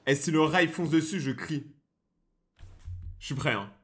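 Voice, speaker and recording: A man's voice: a little high, expressive, moderate pace, fairly bright tone. A young man giving casual, slangy, joking running commentary as he reacts to horror footage. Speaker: reaction video host.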